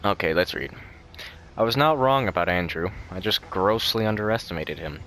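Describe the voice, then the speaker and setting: Over game music and slight background noise, a young man hosts a laid-back let's-play. His low-pitched voice is animated, moderately paced, and a bit bright as he chats, jokes, rambles, and frequently corrects himself.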